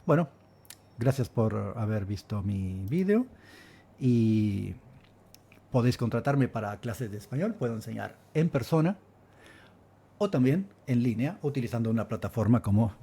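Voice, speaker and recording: A man's voice: mid-range voice, expressive, a little slow, gravelly, long pauses, dark tone, slightly rough. A man giving a casual video lesson as a Spanish teacher, thoughtful and given to repeating himself. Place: Valencia, Spain.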